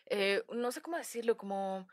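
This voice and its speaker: A woman's voice: mid-range voice, expressive, normal speed. A Mexican woman telling a family story on a casual podcast, acting out relatives' lines and laughing often. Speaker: guest storyteller.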